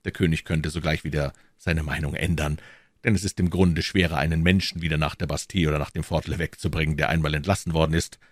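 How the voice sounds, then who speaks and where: A man's voice: very deep voice, steady tone, quick pace, no echo, clean studio sound. A man voicing a proud, defiant musketeer captain who speaks in a firm, unyielding way.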